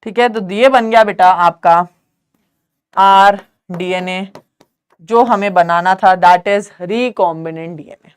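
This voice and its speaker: A young woman teaching biology in a live online class, mixing English terms into Hindi, quizzing students and asking whether it is clear. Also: medium pitch, slow. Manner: calls students "beta", quizzes them, asks if it's clear.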